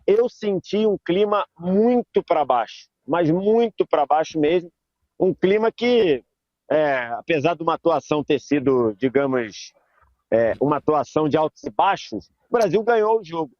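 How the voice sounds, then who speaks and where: Man, high voice, sports reporter, reflective storytelling, dull dry recording. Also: animated, normal speed, a little mellow, no room sound. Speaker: reporter at the stadium. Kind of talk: debate panel commentary.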